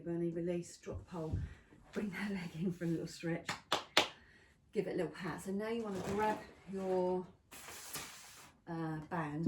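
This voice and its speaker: A woman instructor leading a pilates class, counting down reps and giving steady step-by-step cues. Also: on the low side, noisy background. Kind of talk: guided exercise class cueing. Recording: echoey room from a distance.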